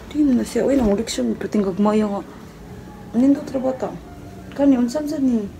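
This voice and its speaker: A young woman chatters and teases through a comic live-selling parody, calling out to viewers as she goes. Her voice sits fairly high, and loud noise runs under everything. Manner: chatty, teasing, addresses viewers as guys. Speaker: comedy vlogger.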